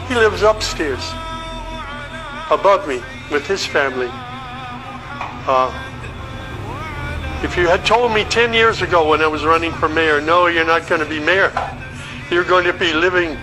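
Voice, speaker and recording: A man's voice: on the high side, moderate pace, long pauses, low-quality recording. Earnest American man, music underneath. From United States. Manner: earnest, reflective, with hesitations. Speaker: convert sharing his story. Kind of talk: personal testimony.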